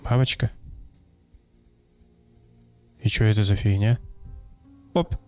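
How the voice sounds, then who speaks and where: A young gameplay streamer thinks aloud and cracks casual jokes while playing a detective game. His voice is fairly low and dark, with fairly even intonation, and he speaks slowly, mumbling through his let's-play commentary. Faint music plays behind him.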